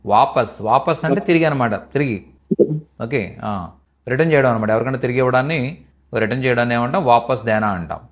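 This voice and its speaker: A man's voice: mid-range voice, a little fast. A man teaching in a live online language class, repeating each phrase patiently for students. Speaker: Hindi teacher.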